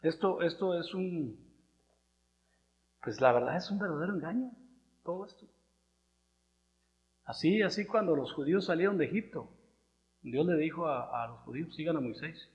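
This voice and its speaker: A man's voice: on the high side, animated, normal speed, long pauses, muffled recording. A man with a southern Mexican Spanish accent, preaching a sermon in a conversational, rambling way, repeating his words. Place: church hall. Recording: long reverb in a church hall, through a loudspeaker.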